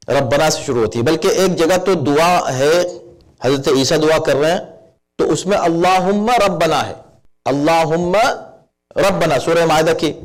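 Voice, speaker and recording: A man, an Islamic scholar, giving a sermon-style commentary on scripture, quoting verses and then explaining them, often asking rhetorical questions and rising to emphatic exhortation. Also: sits high. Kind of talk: Urdu sermon lecture with Arabic recitation.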